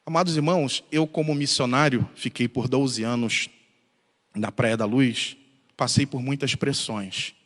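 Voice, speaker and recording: A man's voice: mid-range voice, fairly even intonation, unhurried, a bit bright. A man preaching a sermon as pastor, earnest, building to rising, emphatic passages. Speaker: pastor and missionary. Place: church sanctuary. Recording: echoey church hall.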